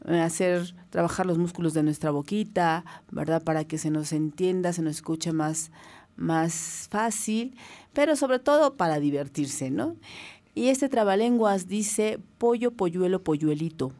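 A woman's voice: fairly low pitch, unhurried, dark tone. A woman hosting a children's community radio show, speaking cheerfully to kids at home and laughing often.

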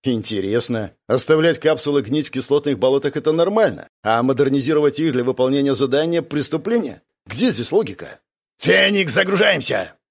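An audiobook narrator reads a scripted first-person text in a dry, matter-of-fact way. His medium-pitched voice is animated and darkish, moving at a quick pace with few pauses.

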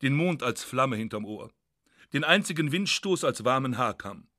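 A man narrating a literary radio reading in a measured, ironic first-person manner. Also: mid-range voice, animated, sharp tone, no echo. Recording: dry studio.

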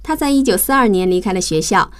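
A woman's voice: mid-range voice, animated, fast. A woman hosting a radio English lesson, explaining vocabulary step by step and spelling words out letter by letter. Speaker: English teacher and radio host.

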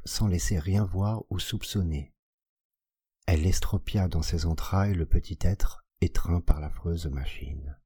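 A man narrates a classic tale for an audiobook in a measured, expressive reading. His voice is very deep and mellow with a husky texture. The close recording is dry, with no room sound. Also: dry recording. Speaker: audiobook reader.

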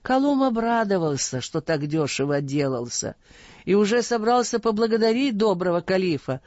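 Expressive audiobook narrator, muffled sound. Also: medium pitch, normal speed, no echo. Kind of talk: scripted narration.

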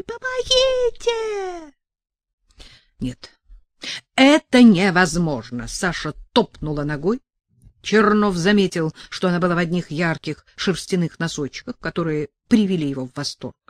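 A woman reading an audiobook with expressive, ironic storytelling. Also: fairly low pitch, no echo, clean studio sound. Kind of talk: audiobook narration.

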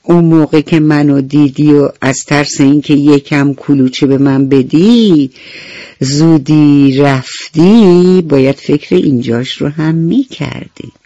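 A woman's voice: sits low, dark tone, dry recording, lo-fi sound. A woman voicing a bee in a children's radio bedtime story, drawing out scolding words. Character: buzzing bee, sharp-tongued.

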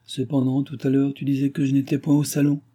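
A man voicing an innocent, bewildered young noblewoman in an audiobook, speaking gently and candidly. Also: mid-range voice, monotone, fast talker, slightly rough, pitched above the performer's own voice, natural voice. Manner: gentle, candid, wondering questions.

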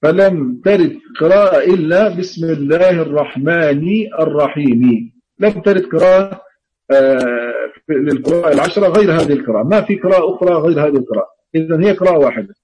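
Man, Quran recitation teacher, online lesson, high pitch, dull lo-fi sound, repeats and intones examples. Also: expressive, fairly quick, a little mellow, breathy edge. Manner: explanatory, repeats key words, chants example readings.

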